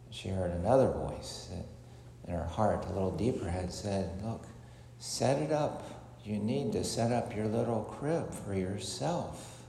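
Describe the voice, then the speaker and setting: A man serving as priest, reading the gospel and preaching a homily in a measured way with some hesitant fillers, his voice ringing with cathedral echo. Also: sits low, creaky, warm tone, slight background noise. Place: large church. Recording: echoey church hall with long reverb.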